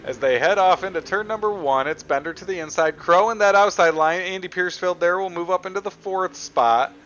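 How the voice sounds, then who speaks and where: Bright, high-voiced male motorsport commentator. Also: fairly quick, dull audio, slight background noise. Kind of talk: live play-by-play race commentary.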